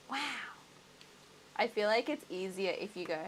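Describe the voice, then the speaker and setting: A woman's voice: mid-range voice, a little hiss or hum, poor audio. Chatty Australian woman, giggling. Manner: chatty, laughs often. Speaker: livestream host. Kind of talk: casual chat while crafting. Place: home crafting setup.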